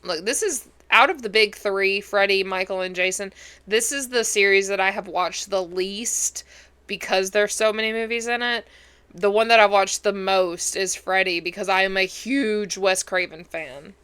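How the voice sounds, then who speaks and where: A hoarse, congested woman hosting a movie reaction, chatting casually and talking back at the screen with sass. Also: mid-range voice, normal speed, a bit bright.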